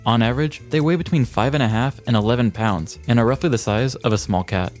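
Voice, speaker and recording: A podcast co-host with a medium-pitched, darkish voice talks at a quick pace while faint music plays behind him. He chats casually and reads out fun facts with a playful, wry, cheeky manner in this comedic conversation.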